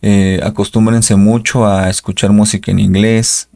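A man's voice: fairly low pitch, little pitch movement, measured pace, creaky, mellow. A Spanish-speaking man giving an English pronunciation lesson, patiently repeating each model word. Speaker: English teacher.

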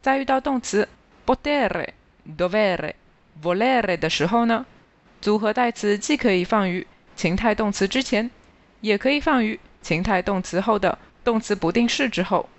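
Teacher voice for a scripted grammar review, mid pitch, slightly muffled lo-fi sound, measured and careful. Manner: slow, even, careful reading of word lists. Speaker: language teacher. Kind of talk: scripted grammar lesson narration.

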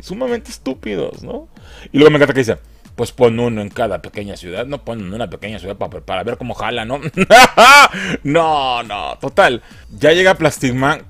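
Mexicano burlón y exasperado. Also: male voice, medium pitch, fairly bright tone, dry recording. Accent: Mexican Spanish. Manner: mocking, exasperated, crude. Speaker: film reviewer. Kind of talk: comedic film review.

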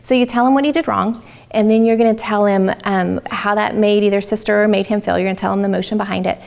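Woman, middle-aged, parenting workshop speaker, chatty, gravelly tone, mid pitch. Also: steady tone, fast talker, a little mellow. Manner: chatty, acts out parent and child lines. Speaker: child development specialist giving a parenting workshop. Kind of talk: informal workshop talk. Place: room with a live audience.

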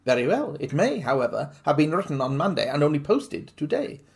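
Sharp Victorian detective, precise and measured, slightly raised pitch, gravelly, read by a man. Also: sing-song, exaggerated voice. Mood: cautious. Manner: crisp, precise, deliberate. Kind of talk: audiobook reading.

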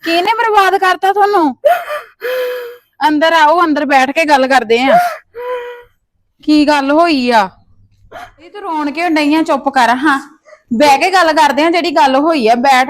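A woman playing a high-voiced caring sister-in-law. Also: moderate pace, long pauses, close to an everyday voice. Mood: soothing. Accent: Punjabi. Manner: soothing, gently commanding.

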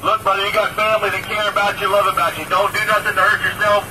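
Guy cop on a loudspeaker, high voice, firm orders then calm pleading, far away with lots of road noise. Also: fast talker. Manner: firm repeated commands mixed with calm pleading. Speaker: police lieutenant negotiating with a suspect. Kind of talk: live police standoff negotiation. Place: outdoors at a roadside scene. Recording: distant loudspeaker voice over roadside noise.

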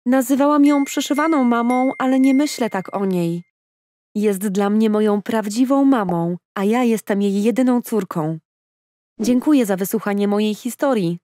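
A woman's voice: a little high, moderate pace, darkish tone, no echo. A young adult woman narrating a scripted first-person story in an earnest, confessional tone.

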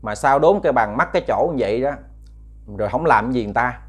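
A man's voice: medium pitch, lively intonation, fast talker, slightly rough. Man, casual ghost story narration, chatty, repeats himself. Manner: chatty, addresses listeners, many fillers and repeats.

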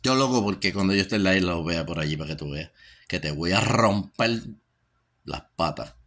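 A man's voice: deep voice, lively intonation, fairly quick, a bit bright. A Puerto Rican man giving a rambling, profane personal testimony, cursing freely and trailing off into mutters. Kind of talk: casual spoken testimony.

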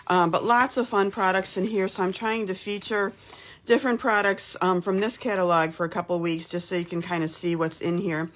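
A Texan woman in her fifties, slightly hoarse from a cold, hosts a live craft demo from her home craft room. She chats casually and upbeat at a brisk pace, in a mid-range voice with fairly even intonation, using lots of "um"s.

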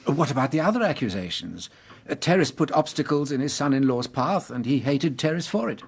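An actor playing an earnest, proper gentleman doctor with an English accent and a husky, hesitant delivery in a radio drama. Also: mid-range voice, lively intonation, fairly quick. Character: earnest, easily shocked Victorian gentleman doctor. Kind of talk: British radio drama acting.

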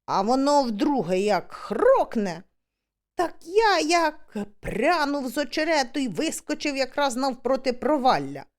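Woman, audiobook narration, humorous, high voice, expressive. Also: a little slow. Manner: lively, expressive storytelling. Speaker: audiobook reader.

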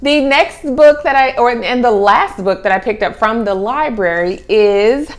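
In a small home room with a slanted ceiling, a middle-aged woman presents children's books in a relaxed chat to camera for her homeschooling vlog, miked with a clip-on lavalier. Her voice sits on the high side and is expressive, and she speaks a little slowly. She emphasizes key words by stretching and repeating them.

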